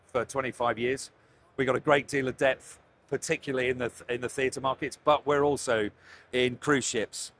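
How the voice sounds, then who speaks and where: A British man with a medium-pitched, slightly bright voice represents his company with an enthusiastic, effusive product presentation, stressing and repeating words of praise. He's on a trade show floor, and the busy crowd noise comes through clearly.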